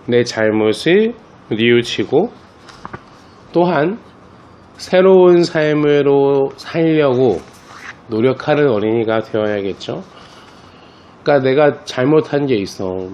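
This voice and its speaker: Man, priest, children's catechism class, relaxed storytelling, dull lo-fi recording. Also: mid-range voice, slight background noise.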